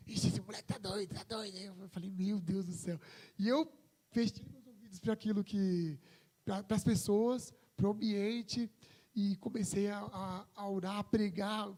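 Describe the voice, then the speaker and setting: High-voiced young preacher, mellow tone. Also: male voice. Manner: conversational, storytelling with many restarts and asides. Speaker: youth preacher. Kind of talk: testimony sermon to a congregation.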